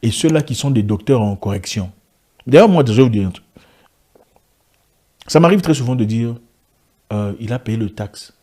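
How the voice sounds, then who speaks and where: A man speaks to camera as an online video commentator, delivering a fervent monologue with rhetorical questions and many restarts. His mid-range voice is animated and mellow, at a moderate pace with long pauses. His first language is an African language, not French.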